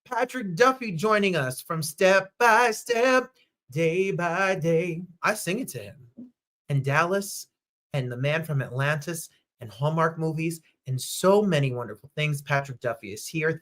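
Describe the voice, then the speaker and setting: A man's voice: a little high, normal speed, fairly bright tone. A man hosting a casual livestream chat show from home, upbeat and chatty, greeting viewers by name. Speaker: host.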